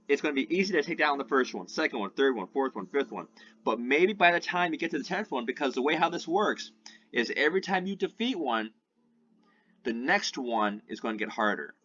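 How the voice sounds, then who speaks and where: Bright-voiced man talking through a game. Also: medium pitch. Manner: rambling, keeps asking "right?". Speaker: gaming YouTuber. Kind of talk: gameplay commentary. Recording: dull lo-fi sound with faint music.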